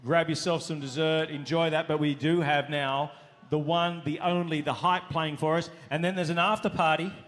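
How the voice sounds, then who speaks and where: A man with an Australian accent working as an auctioneer at a gala, calling bids in a booming, rhythmic, playful way into a handheld mic in a hotel ballroom. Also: fairly even intonation, normal speed, a bit bright. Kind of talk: live charity auction calling.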